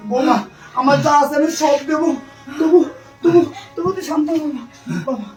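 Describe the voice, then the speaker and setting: A man's voice: extremely high pitch, moderate pace, a little mellow. An actor playing an older father grieving over his addicted son, who keeps soothing and coaxing through tears. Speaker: father in a short film. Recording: echoey, mic far off, music underneath.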